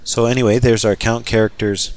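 A man teaching a software scripting lesson over a screen recording, talking casually and thinking aloud with fillers as he types. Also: medium pitch, flat delivery, a little fast. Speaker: software trainer. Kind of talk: screen-recorded coding tutorial.

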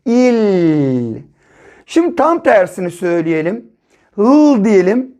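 A primary school teacher giving an early reading lesson to children, sounding out syllables slowly and repeating each word several times with frequent check-in questions. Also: mid-range voice, very animated, dark tone.

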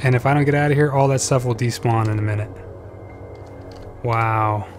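A man's voice: mid-range voice, normal speed. Guy talking through his game run, nervous little "oh boy" mutters, mid voice, game music going behind him. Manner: nervous, self-talking, frequent "oh boy", jumps to excited yelps. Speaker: let's play gamer. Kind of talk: gameplay commentary.

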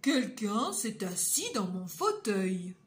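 A woman's voice: medium pitch, big pitch swings, slow, slight background noise. A woman voicing a big, stern papa bear in a read-aloud storybook, speaking firmly and emphatically.

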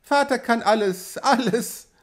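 A man's voice: very high voice, measured pace, voice pushed up. A man reading an audiobook, voicing a frightened little girl with a small, pleading manner. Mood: excited.

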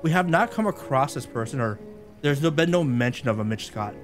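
A man streaming a game live, chatting excitably with viewers and laughing often. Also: medium pitch, fairly quick, faint music behind.

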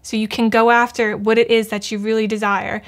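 A woman's voice: a little high, little pitch movement, a little fast. A young woman giving a blunt, fired-up motivational talk to camera, swearing freely. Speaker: YouTuber giving motivational advice.

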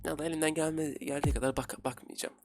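A man in his twenties giving excitable, casual commentary while playing a game, talking to his viewers. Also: fairly high pitch, fast, faint music behind. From Turkey. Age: 20s. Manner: excitable, talks to viewers while playing, frequent laughs and repeated words. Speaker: gaming YouTuber.

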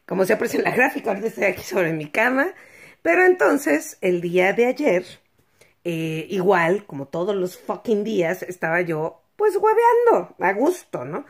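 Woman, Mexico City Spanish accent, casual vlog storytelling, slangy and crude, lively swooping pitch, middling pitch. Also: moderate pace, breathy edge. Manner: slangy, expressive, crude and humorous. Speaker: vlogger. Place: indoors at home, on her bed.

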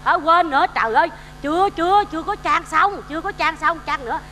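On a reverberant stage with faint music and slight background noise, an older Southern Vietnamese-accented woman fully voices a fussy, forgetful old mother in a comedy sketch, flustered, scatterbrained and doting. Her very high voice is expressive, fast, bright and forceful.

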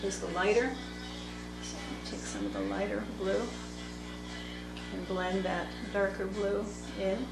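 Slow-talking woman teaching watercolor. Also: mid-range voice, expressive. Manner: slow, thinking aloud while painting. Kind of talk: unscripted painting tutorial narration. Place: indoor table workspace. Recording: echoey room with background music. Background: soft instrumental music.

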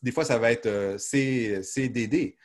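A man's voice: medium pitch, unhurried. A man teaching a literature class, answering students' questions with frequent hesitations and restarts. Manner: hesitant, many "euh" fillers and restarts. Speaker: literature professor.

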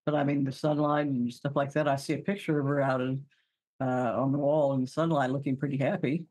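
A man playing a tabletop game, speaking haltingly with many fillers and restarts. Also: medium pitch, flat delivery, darkish tone, no echo, poor audio. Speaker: player. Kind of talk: casual tabletop game talk, partly in character.

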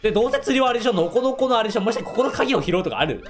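A hoarse young man hosting a let's play, joking and talking back to the characters in casual commentary. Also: extremely high pitch, animated, rapid-fire, over music.

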